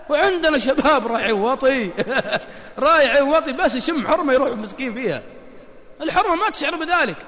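A man with a Gulf Arabic accent delivers a lively, joking sermon full of anecdotes and questions to the crowd. His voice sits very high and sounds bright and sharp, and he talks fast. The sound rings with long hall reverb. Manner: animated, joking, addresses audience as brothers. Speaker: religious preacher.

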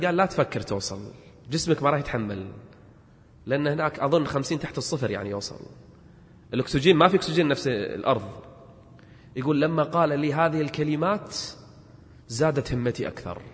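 A man preaching in a high, ringing voice. He tells stories and then presses his point hard, repeating phrases as he builds to a forceful call. His voice carries a long reverb, as if in a large hall. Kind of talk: sermon with retold stories.

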